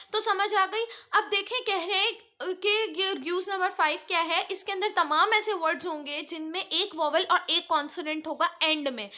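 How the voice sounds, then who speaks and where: A woman's voice: extremely high pitch, pushed and bright. A woman with a Pakistani accent teaching an online English grammar lesson, explaining rules step by step and often checking whether students follow. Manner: explains step by step, checks understanding with repeated "okay?".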